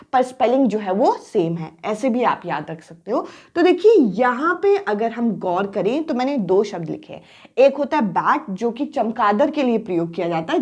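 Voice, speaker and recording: Young woman teacher, brisk exam-prep explainer, fairly high voice, repeats key points. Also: darkish tone. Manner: repetitive, frequent "to dekhiye" prompts.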